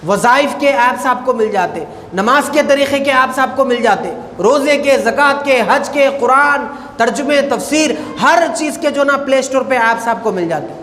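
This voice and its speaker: A man's voice: very high voice, expressive, hardly any pauses, fairly bright tone, a little hiss or hum. A man giving a Friday sermon in a mosque, explaining pronunciation and repeating his phrases, often calling listeners brother. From India. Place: mosque hall. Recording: echoey mosque hall with faint ambience.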